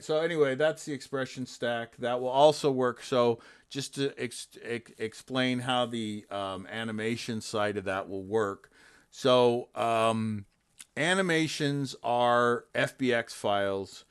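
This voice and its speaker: A man hosting a casual livestream, explaining his software in a rambling way with many fillers and restarts. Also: medium pitch, clean tone. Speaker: host and game developer. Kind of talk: casual livestream tech chat.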